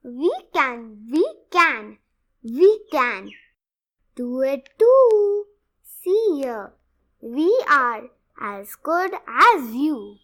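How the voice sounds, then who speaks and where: Bright, high-pitched young girl reading aloud. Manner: expressive, deliberate word-by-word reading in short phrases. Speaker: read-along presenter. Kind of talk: read-aloud of a rhyming picture book.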